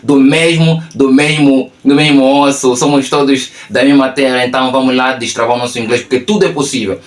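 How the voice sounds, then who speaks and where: A man's voice: mid-range voice, steady tone, a little fast, echoey room. A man from Angola with an Angolan Portuguese accent, teaching an online lesson and explaining step by step with repeated tag questions. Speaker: English teacher and mentor.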